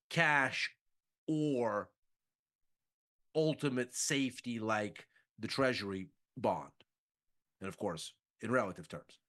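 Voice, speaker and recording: Male analyst, unhurried and methodical, explains market expectations step by step. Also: mid-range voice, pushed and bright. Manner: measured, methodical, rhetorical questions.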